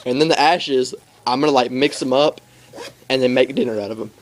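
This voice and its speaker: A woman's voice: extremely low pitch, fairly quick, voice pushed down. A man playing a furious foul-mouthed mother. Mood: ranting. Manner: ranting, crude threats. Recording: loud background noise.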